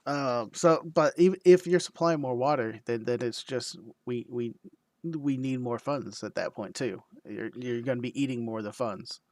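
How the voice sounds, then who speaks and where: A man co-hosting a ham radio livestream in casual chat. He is easygoing, often makes soft-spoken asides and laughs readily. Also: medium pitch, moderate pace, no echo, clean studio sound. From United States.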